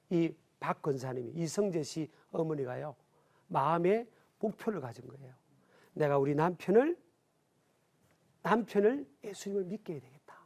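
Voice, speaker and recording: A man's voice: sits high, vocal fry, darkish tone. A middle-aged man from the Gyeongsang region, a pastor teaching a televised Bible lesson, who asks his audience questions and answers them himself. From Gyeongsang region, South Korea.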